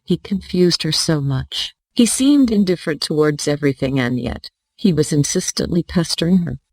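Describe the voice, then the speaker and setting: Gravelly synthetic audiobook narrator. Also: medium pitch, a little mellow, no echo, low-quality recording.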